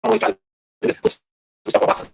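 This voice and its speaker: A man arguing in a casual boxing debate over an online call that keeps breaking up and cutting his voice in and out. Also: fast talker. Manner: argumentative, interrupting. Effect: choppy online call breaking up, voice cutting in and out. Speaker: panelist on a boxing talk stream. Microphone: remote call audio.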